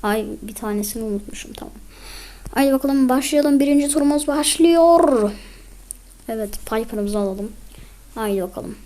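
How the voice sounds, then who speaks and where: A hoarse woman chatting through a mobile game match, bursting into excited yelling at tense moments. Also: fairly high pitch, moderate pace, slight background noise. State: hoarse from illness. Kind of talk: casual gameplay commentary.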